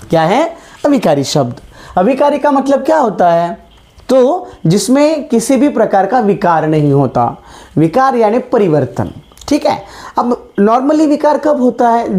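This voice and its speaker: A woman teaches a grammar lesson at an unhurried pace. Her pitch rises and falls a lot as she poses questions and then answers them herself. Her voice is mellow and warm. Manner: repeats key terms slowly for emphasis.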